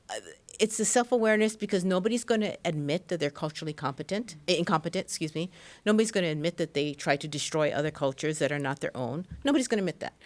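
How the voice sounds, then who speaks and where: A woman museum professional on a panel over a video call, giving earnest, emphatic advice and repeating her key points. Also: lowish voice. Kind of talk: conversational panel talk.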